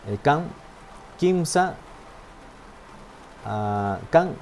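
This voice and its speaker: A man's voice: fairly high pitch, expressive, very slow, a little mellow, slight background noise. A man teaching a language class online, patient and step by step, often checking in with his students. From Peru. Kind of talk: online lesson, explaining step by step.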